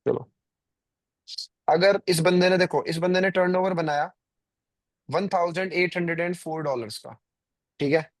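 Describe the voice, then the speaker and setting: A man in his 20s hosts a trading live stream, speaking in a high voice at a moderate pace with long pauses. He rambles casually, addresses viewers directly, and leans heavily on fillers. The recording is low quality, with no echo.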